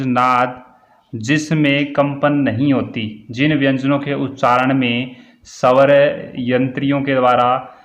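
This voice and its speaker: A man teaching a Hindi grammar lesson, dictating definitions slowly and repeating key words for students. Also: mid-range voice, dull audio. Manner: slow, repetitive dictation, word by word.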